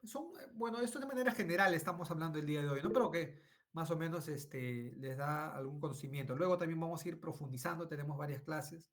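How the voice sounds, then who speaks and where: A man's voice: fairly high pitch, fast. A middle-aged man giving an online medical lecture, repeating phrases and asking "right?" often. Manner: frequent tag questions and fillers.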